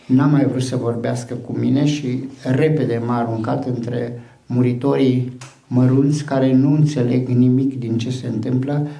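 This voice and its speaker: An older man hosts a small event and tells anecdotes, often stopping for fillers. His voice is dark and gravelly. It comes through a stand mic in a room with noticeable echo. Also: mid-range voice. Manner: anecdotal, hesitant with many fillers. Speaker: event host. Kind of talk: storytelling speech. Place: small hall with a banner backdrop.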